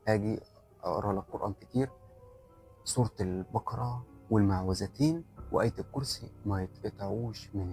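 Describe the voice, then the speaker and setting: A man's voice: fairly low pitch, creaky, darkish tone. A man voicing a grave old sheikh, Egyptian accent. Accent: Egyptian Arabic. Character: elderly male sheikh, calm and grave.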